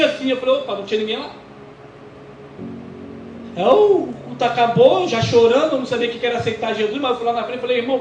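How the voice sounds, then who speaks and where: A Brazilian man, a pastor, preaching and telling his testimony in a church, acting out the dialogue as he goes. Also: very high voice. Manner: animated storytelling, acting out quoted dialogue. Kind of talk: sermon testimony. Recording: echoey church with music behind. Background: music.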